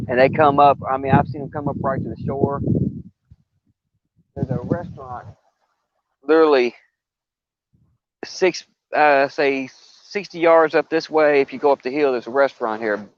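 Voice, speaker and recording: Streaming live from outdoors on a riverbank, an older fisherman rambles through folksy tales, stumbling and starting over as he talks. He speaks at a medium pitch. The recording is dry and lo-fi.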